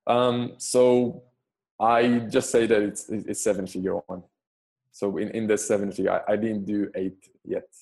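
An Israeli man in his thirties, not an English speaker, talks through his answers in a low, warm, rounded voice. He stops and restarts often, repeating words as he looks for the phrase, in an unhurried conversational way. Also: little pitch movement. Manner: halting, frequent restarts and stammered repeats, non-native phrasing. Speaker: podcast guest, business investor. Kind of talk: casual interview answers.

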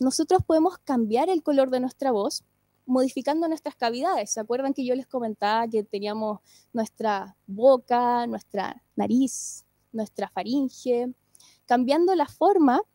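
High, mellow-voiced woman teaching voice. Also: no echo, studio quality. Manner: clear, explanatory, often checks in with listeners. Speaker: singing teacher and speech therapist. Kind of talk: online lecture.

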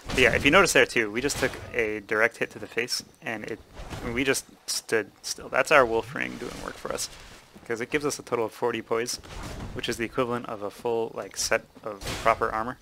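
A man hosting a let's play, explaining the game casually with many fillers and pauses. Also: mid-range voice, slight background noise, rough recording. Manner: relaxed, explaining with many ums and uhs. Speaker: gaming channel host.

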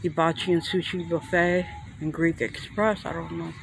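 A man with a New York accent rambles through a casual walking tour of an outdoor shopping plaza, thinking aloud as he goes. His voice sits a little high. It is recorded on a handheld phone, with street and traffic noise heard clearly behind him. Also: level tone, moderate pace. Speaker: vlogger. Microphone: handheld phone camera.

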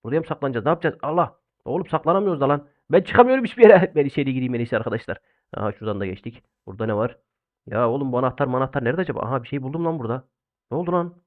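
A young man doing loud, exclamatory let's-play commentary while playing an online game, swinging between shouts and low muttering. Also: racing. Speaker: gaming YouTuber. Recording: phone-like narrow band.

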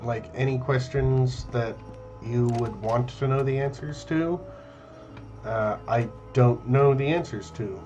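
A young man doing casual game commentary, deadpan and wry. He takes his time, and the sound is dull, with faint music behind. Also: mid-range voice, a little slow. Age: young adult. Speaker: video game streamer. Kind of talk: casual let's play commentary. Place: small room indoors. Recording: band-limited, dull webcam-setup audio.

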